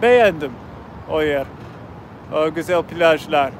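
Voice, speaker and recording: A man who is not a native Turkish speaker, chatting casually on a livestream in simple, halting Turkish with a foreign accent and searching pauses. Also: a little high, expressive. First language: not Turkish, speaks it as a learner. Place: outdoors by a river. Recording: noisy outdoor live stream.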